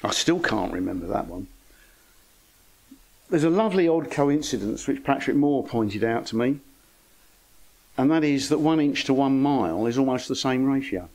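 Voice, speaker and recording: A man's voice: medium pitch, animated, moderate pace, long pauses, darkish tone, poor audio. An older man giving an informal lecture to an astronomy club, with dry, wry humour and chatty asides. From England.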